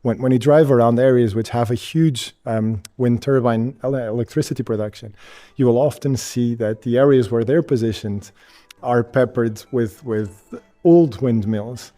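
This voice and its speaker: A man from Portugal, an industry representative, explaining in an interview in a halting way that repeats words at the start of phrases. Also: mid-range voice, warm tone, dry recording. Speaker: wind energy company representative.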